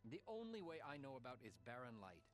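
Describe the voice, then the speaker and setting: A man's voice: mid-range voice, huge pitch swings, fast. An actor playing a harried male official in a studio game, exasperated and earnest.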